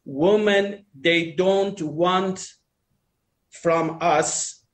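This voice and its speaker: A man's voice: high-pitched, steady tone, very slow. A man chatting casually on a group call about dating, rambling with restarts and uneven phrasing. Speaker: dating talk panelist. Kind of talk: casual group chat, opinionated.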